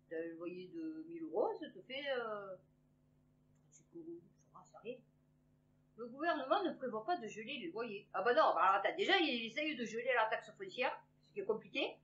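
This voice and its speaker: A woman's voice: fairly high pitch, a bit bright, slight background noise. A woman in her fifties reads news headlines and comments on them in a rambling, sarcastic way, with many fillers. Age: 50s. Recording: dull lo-fi recording.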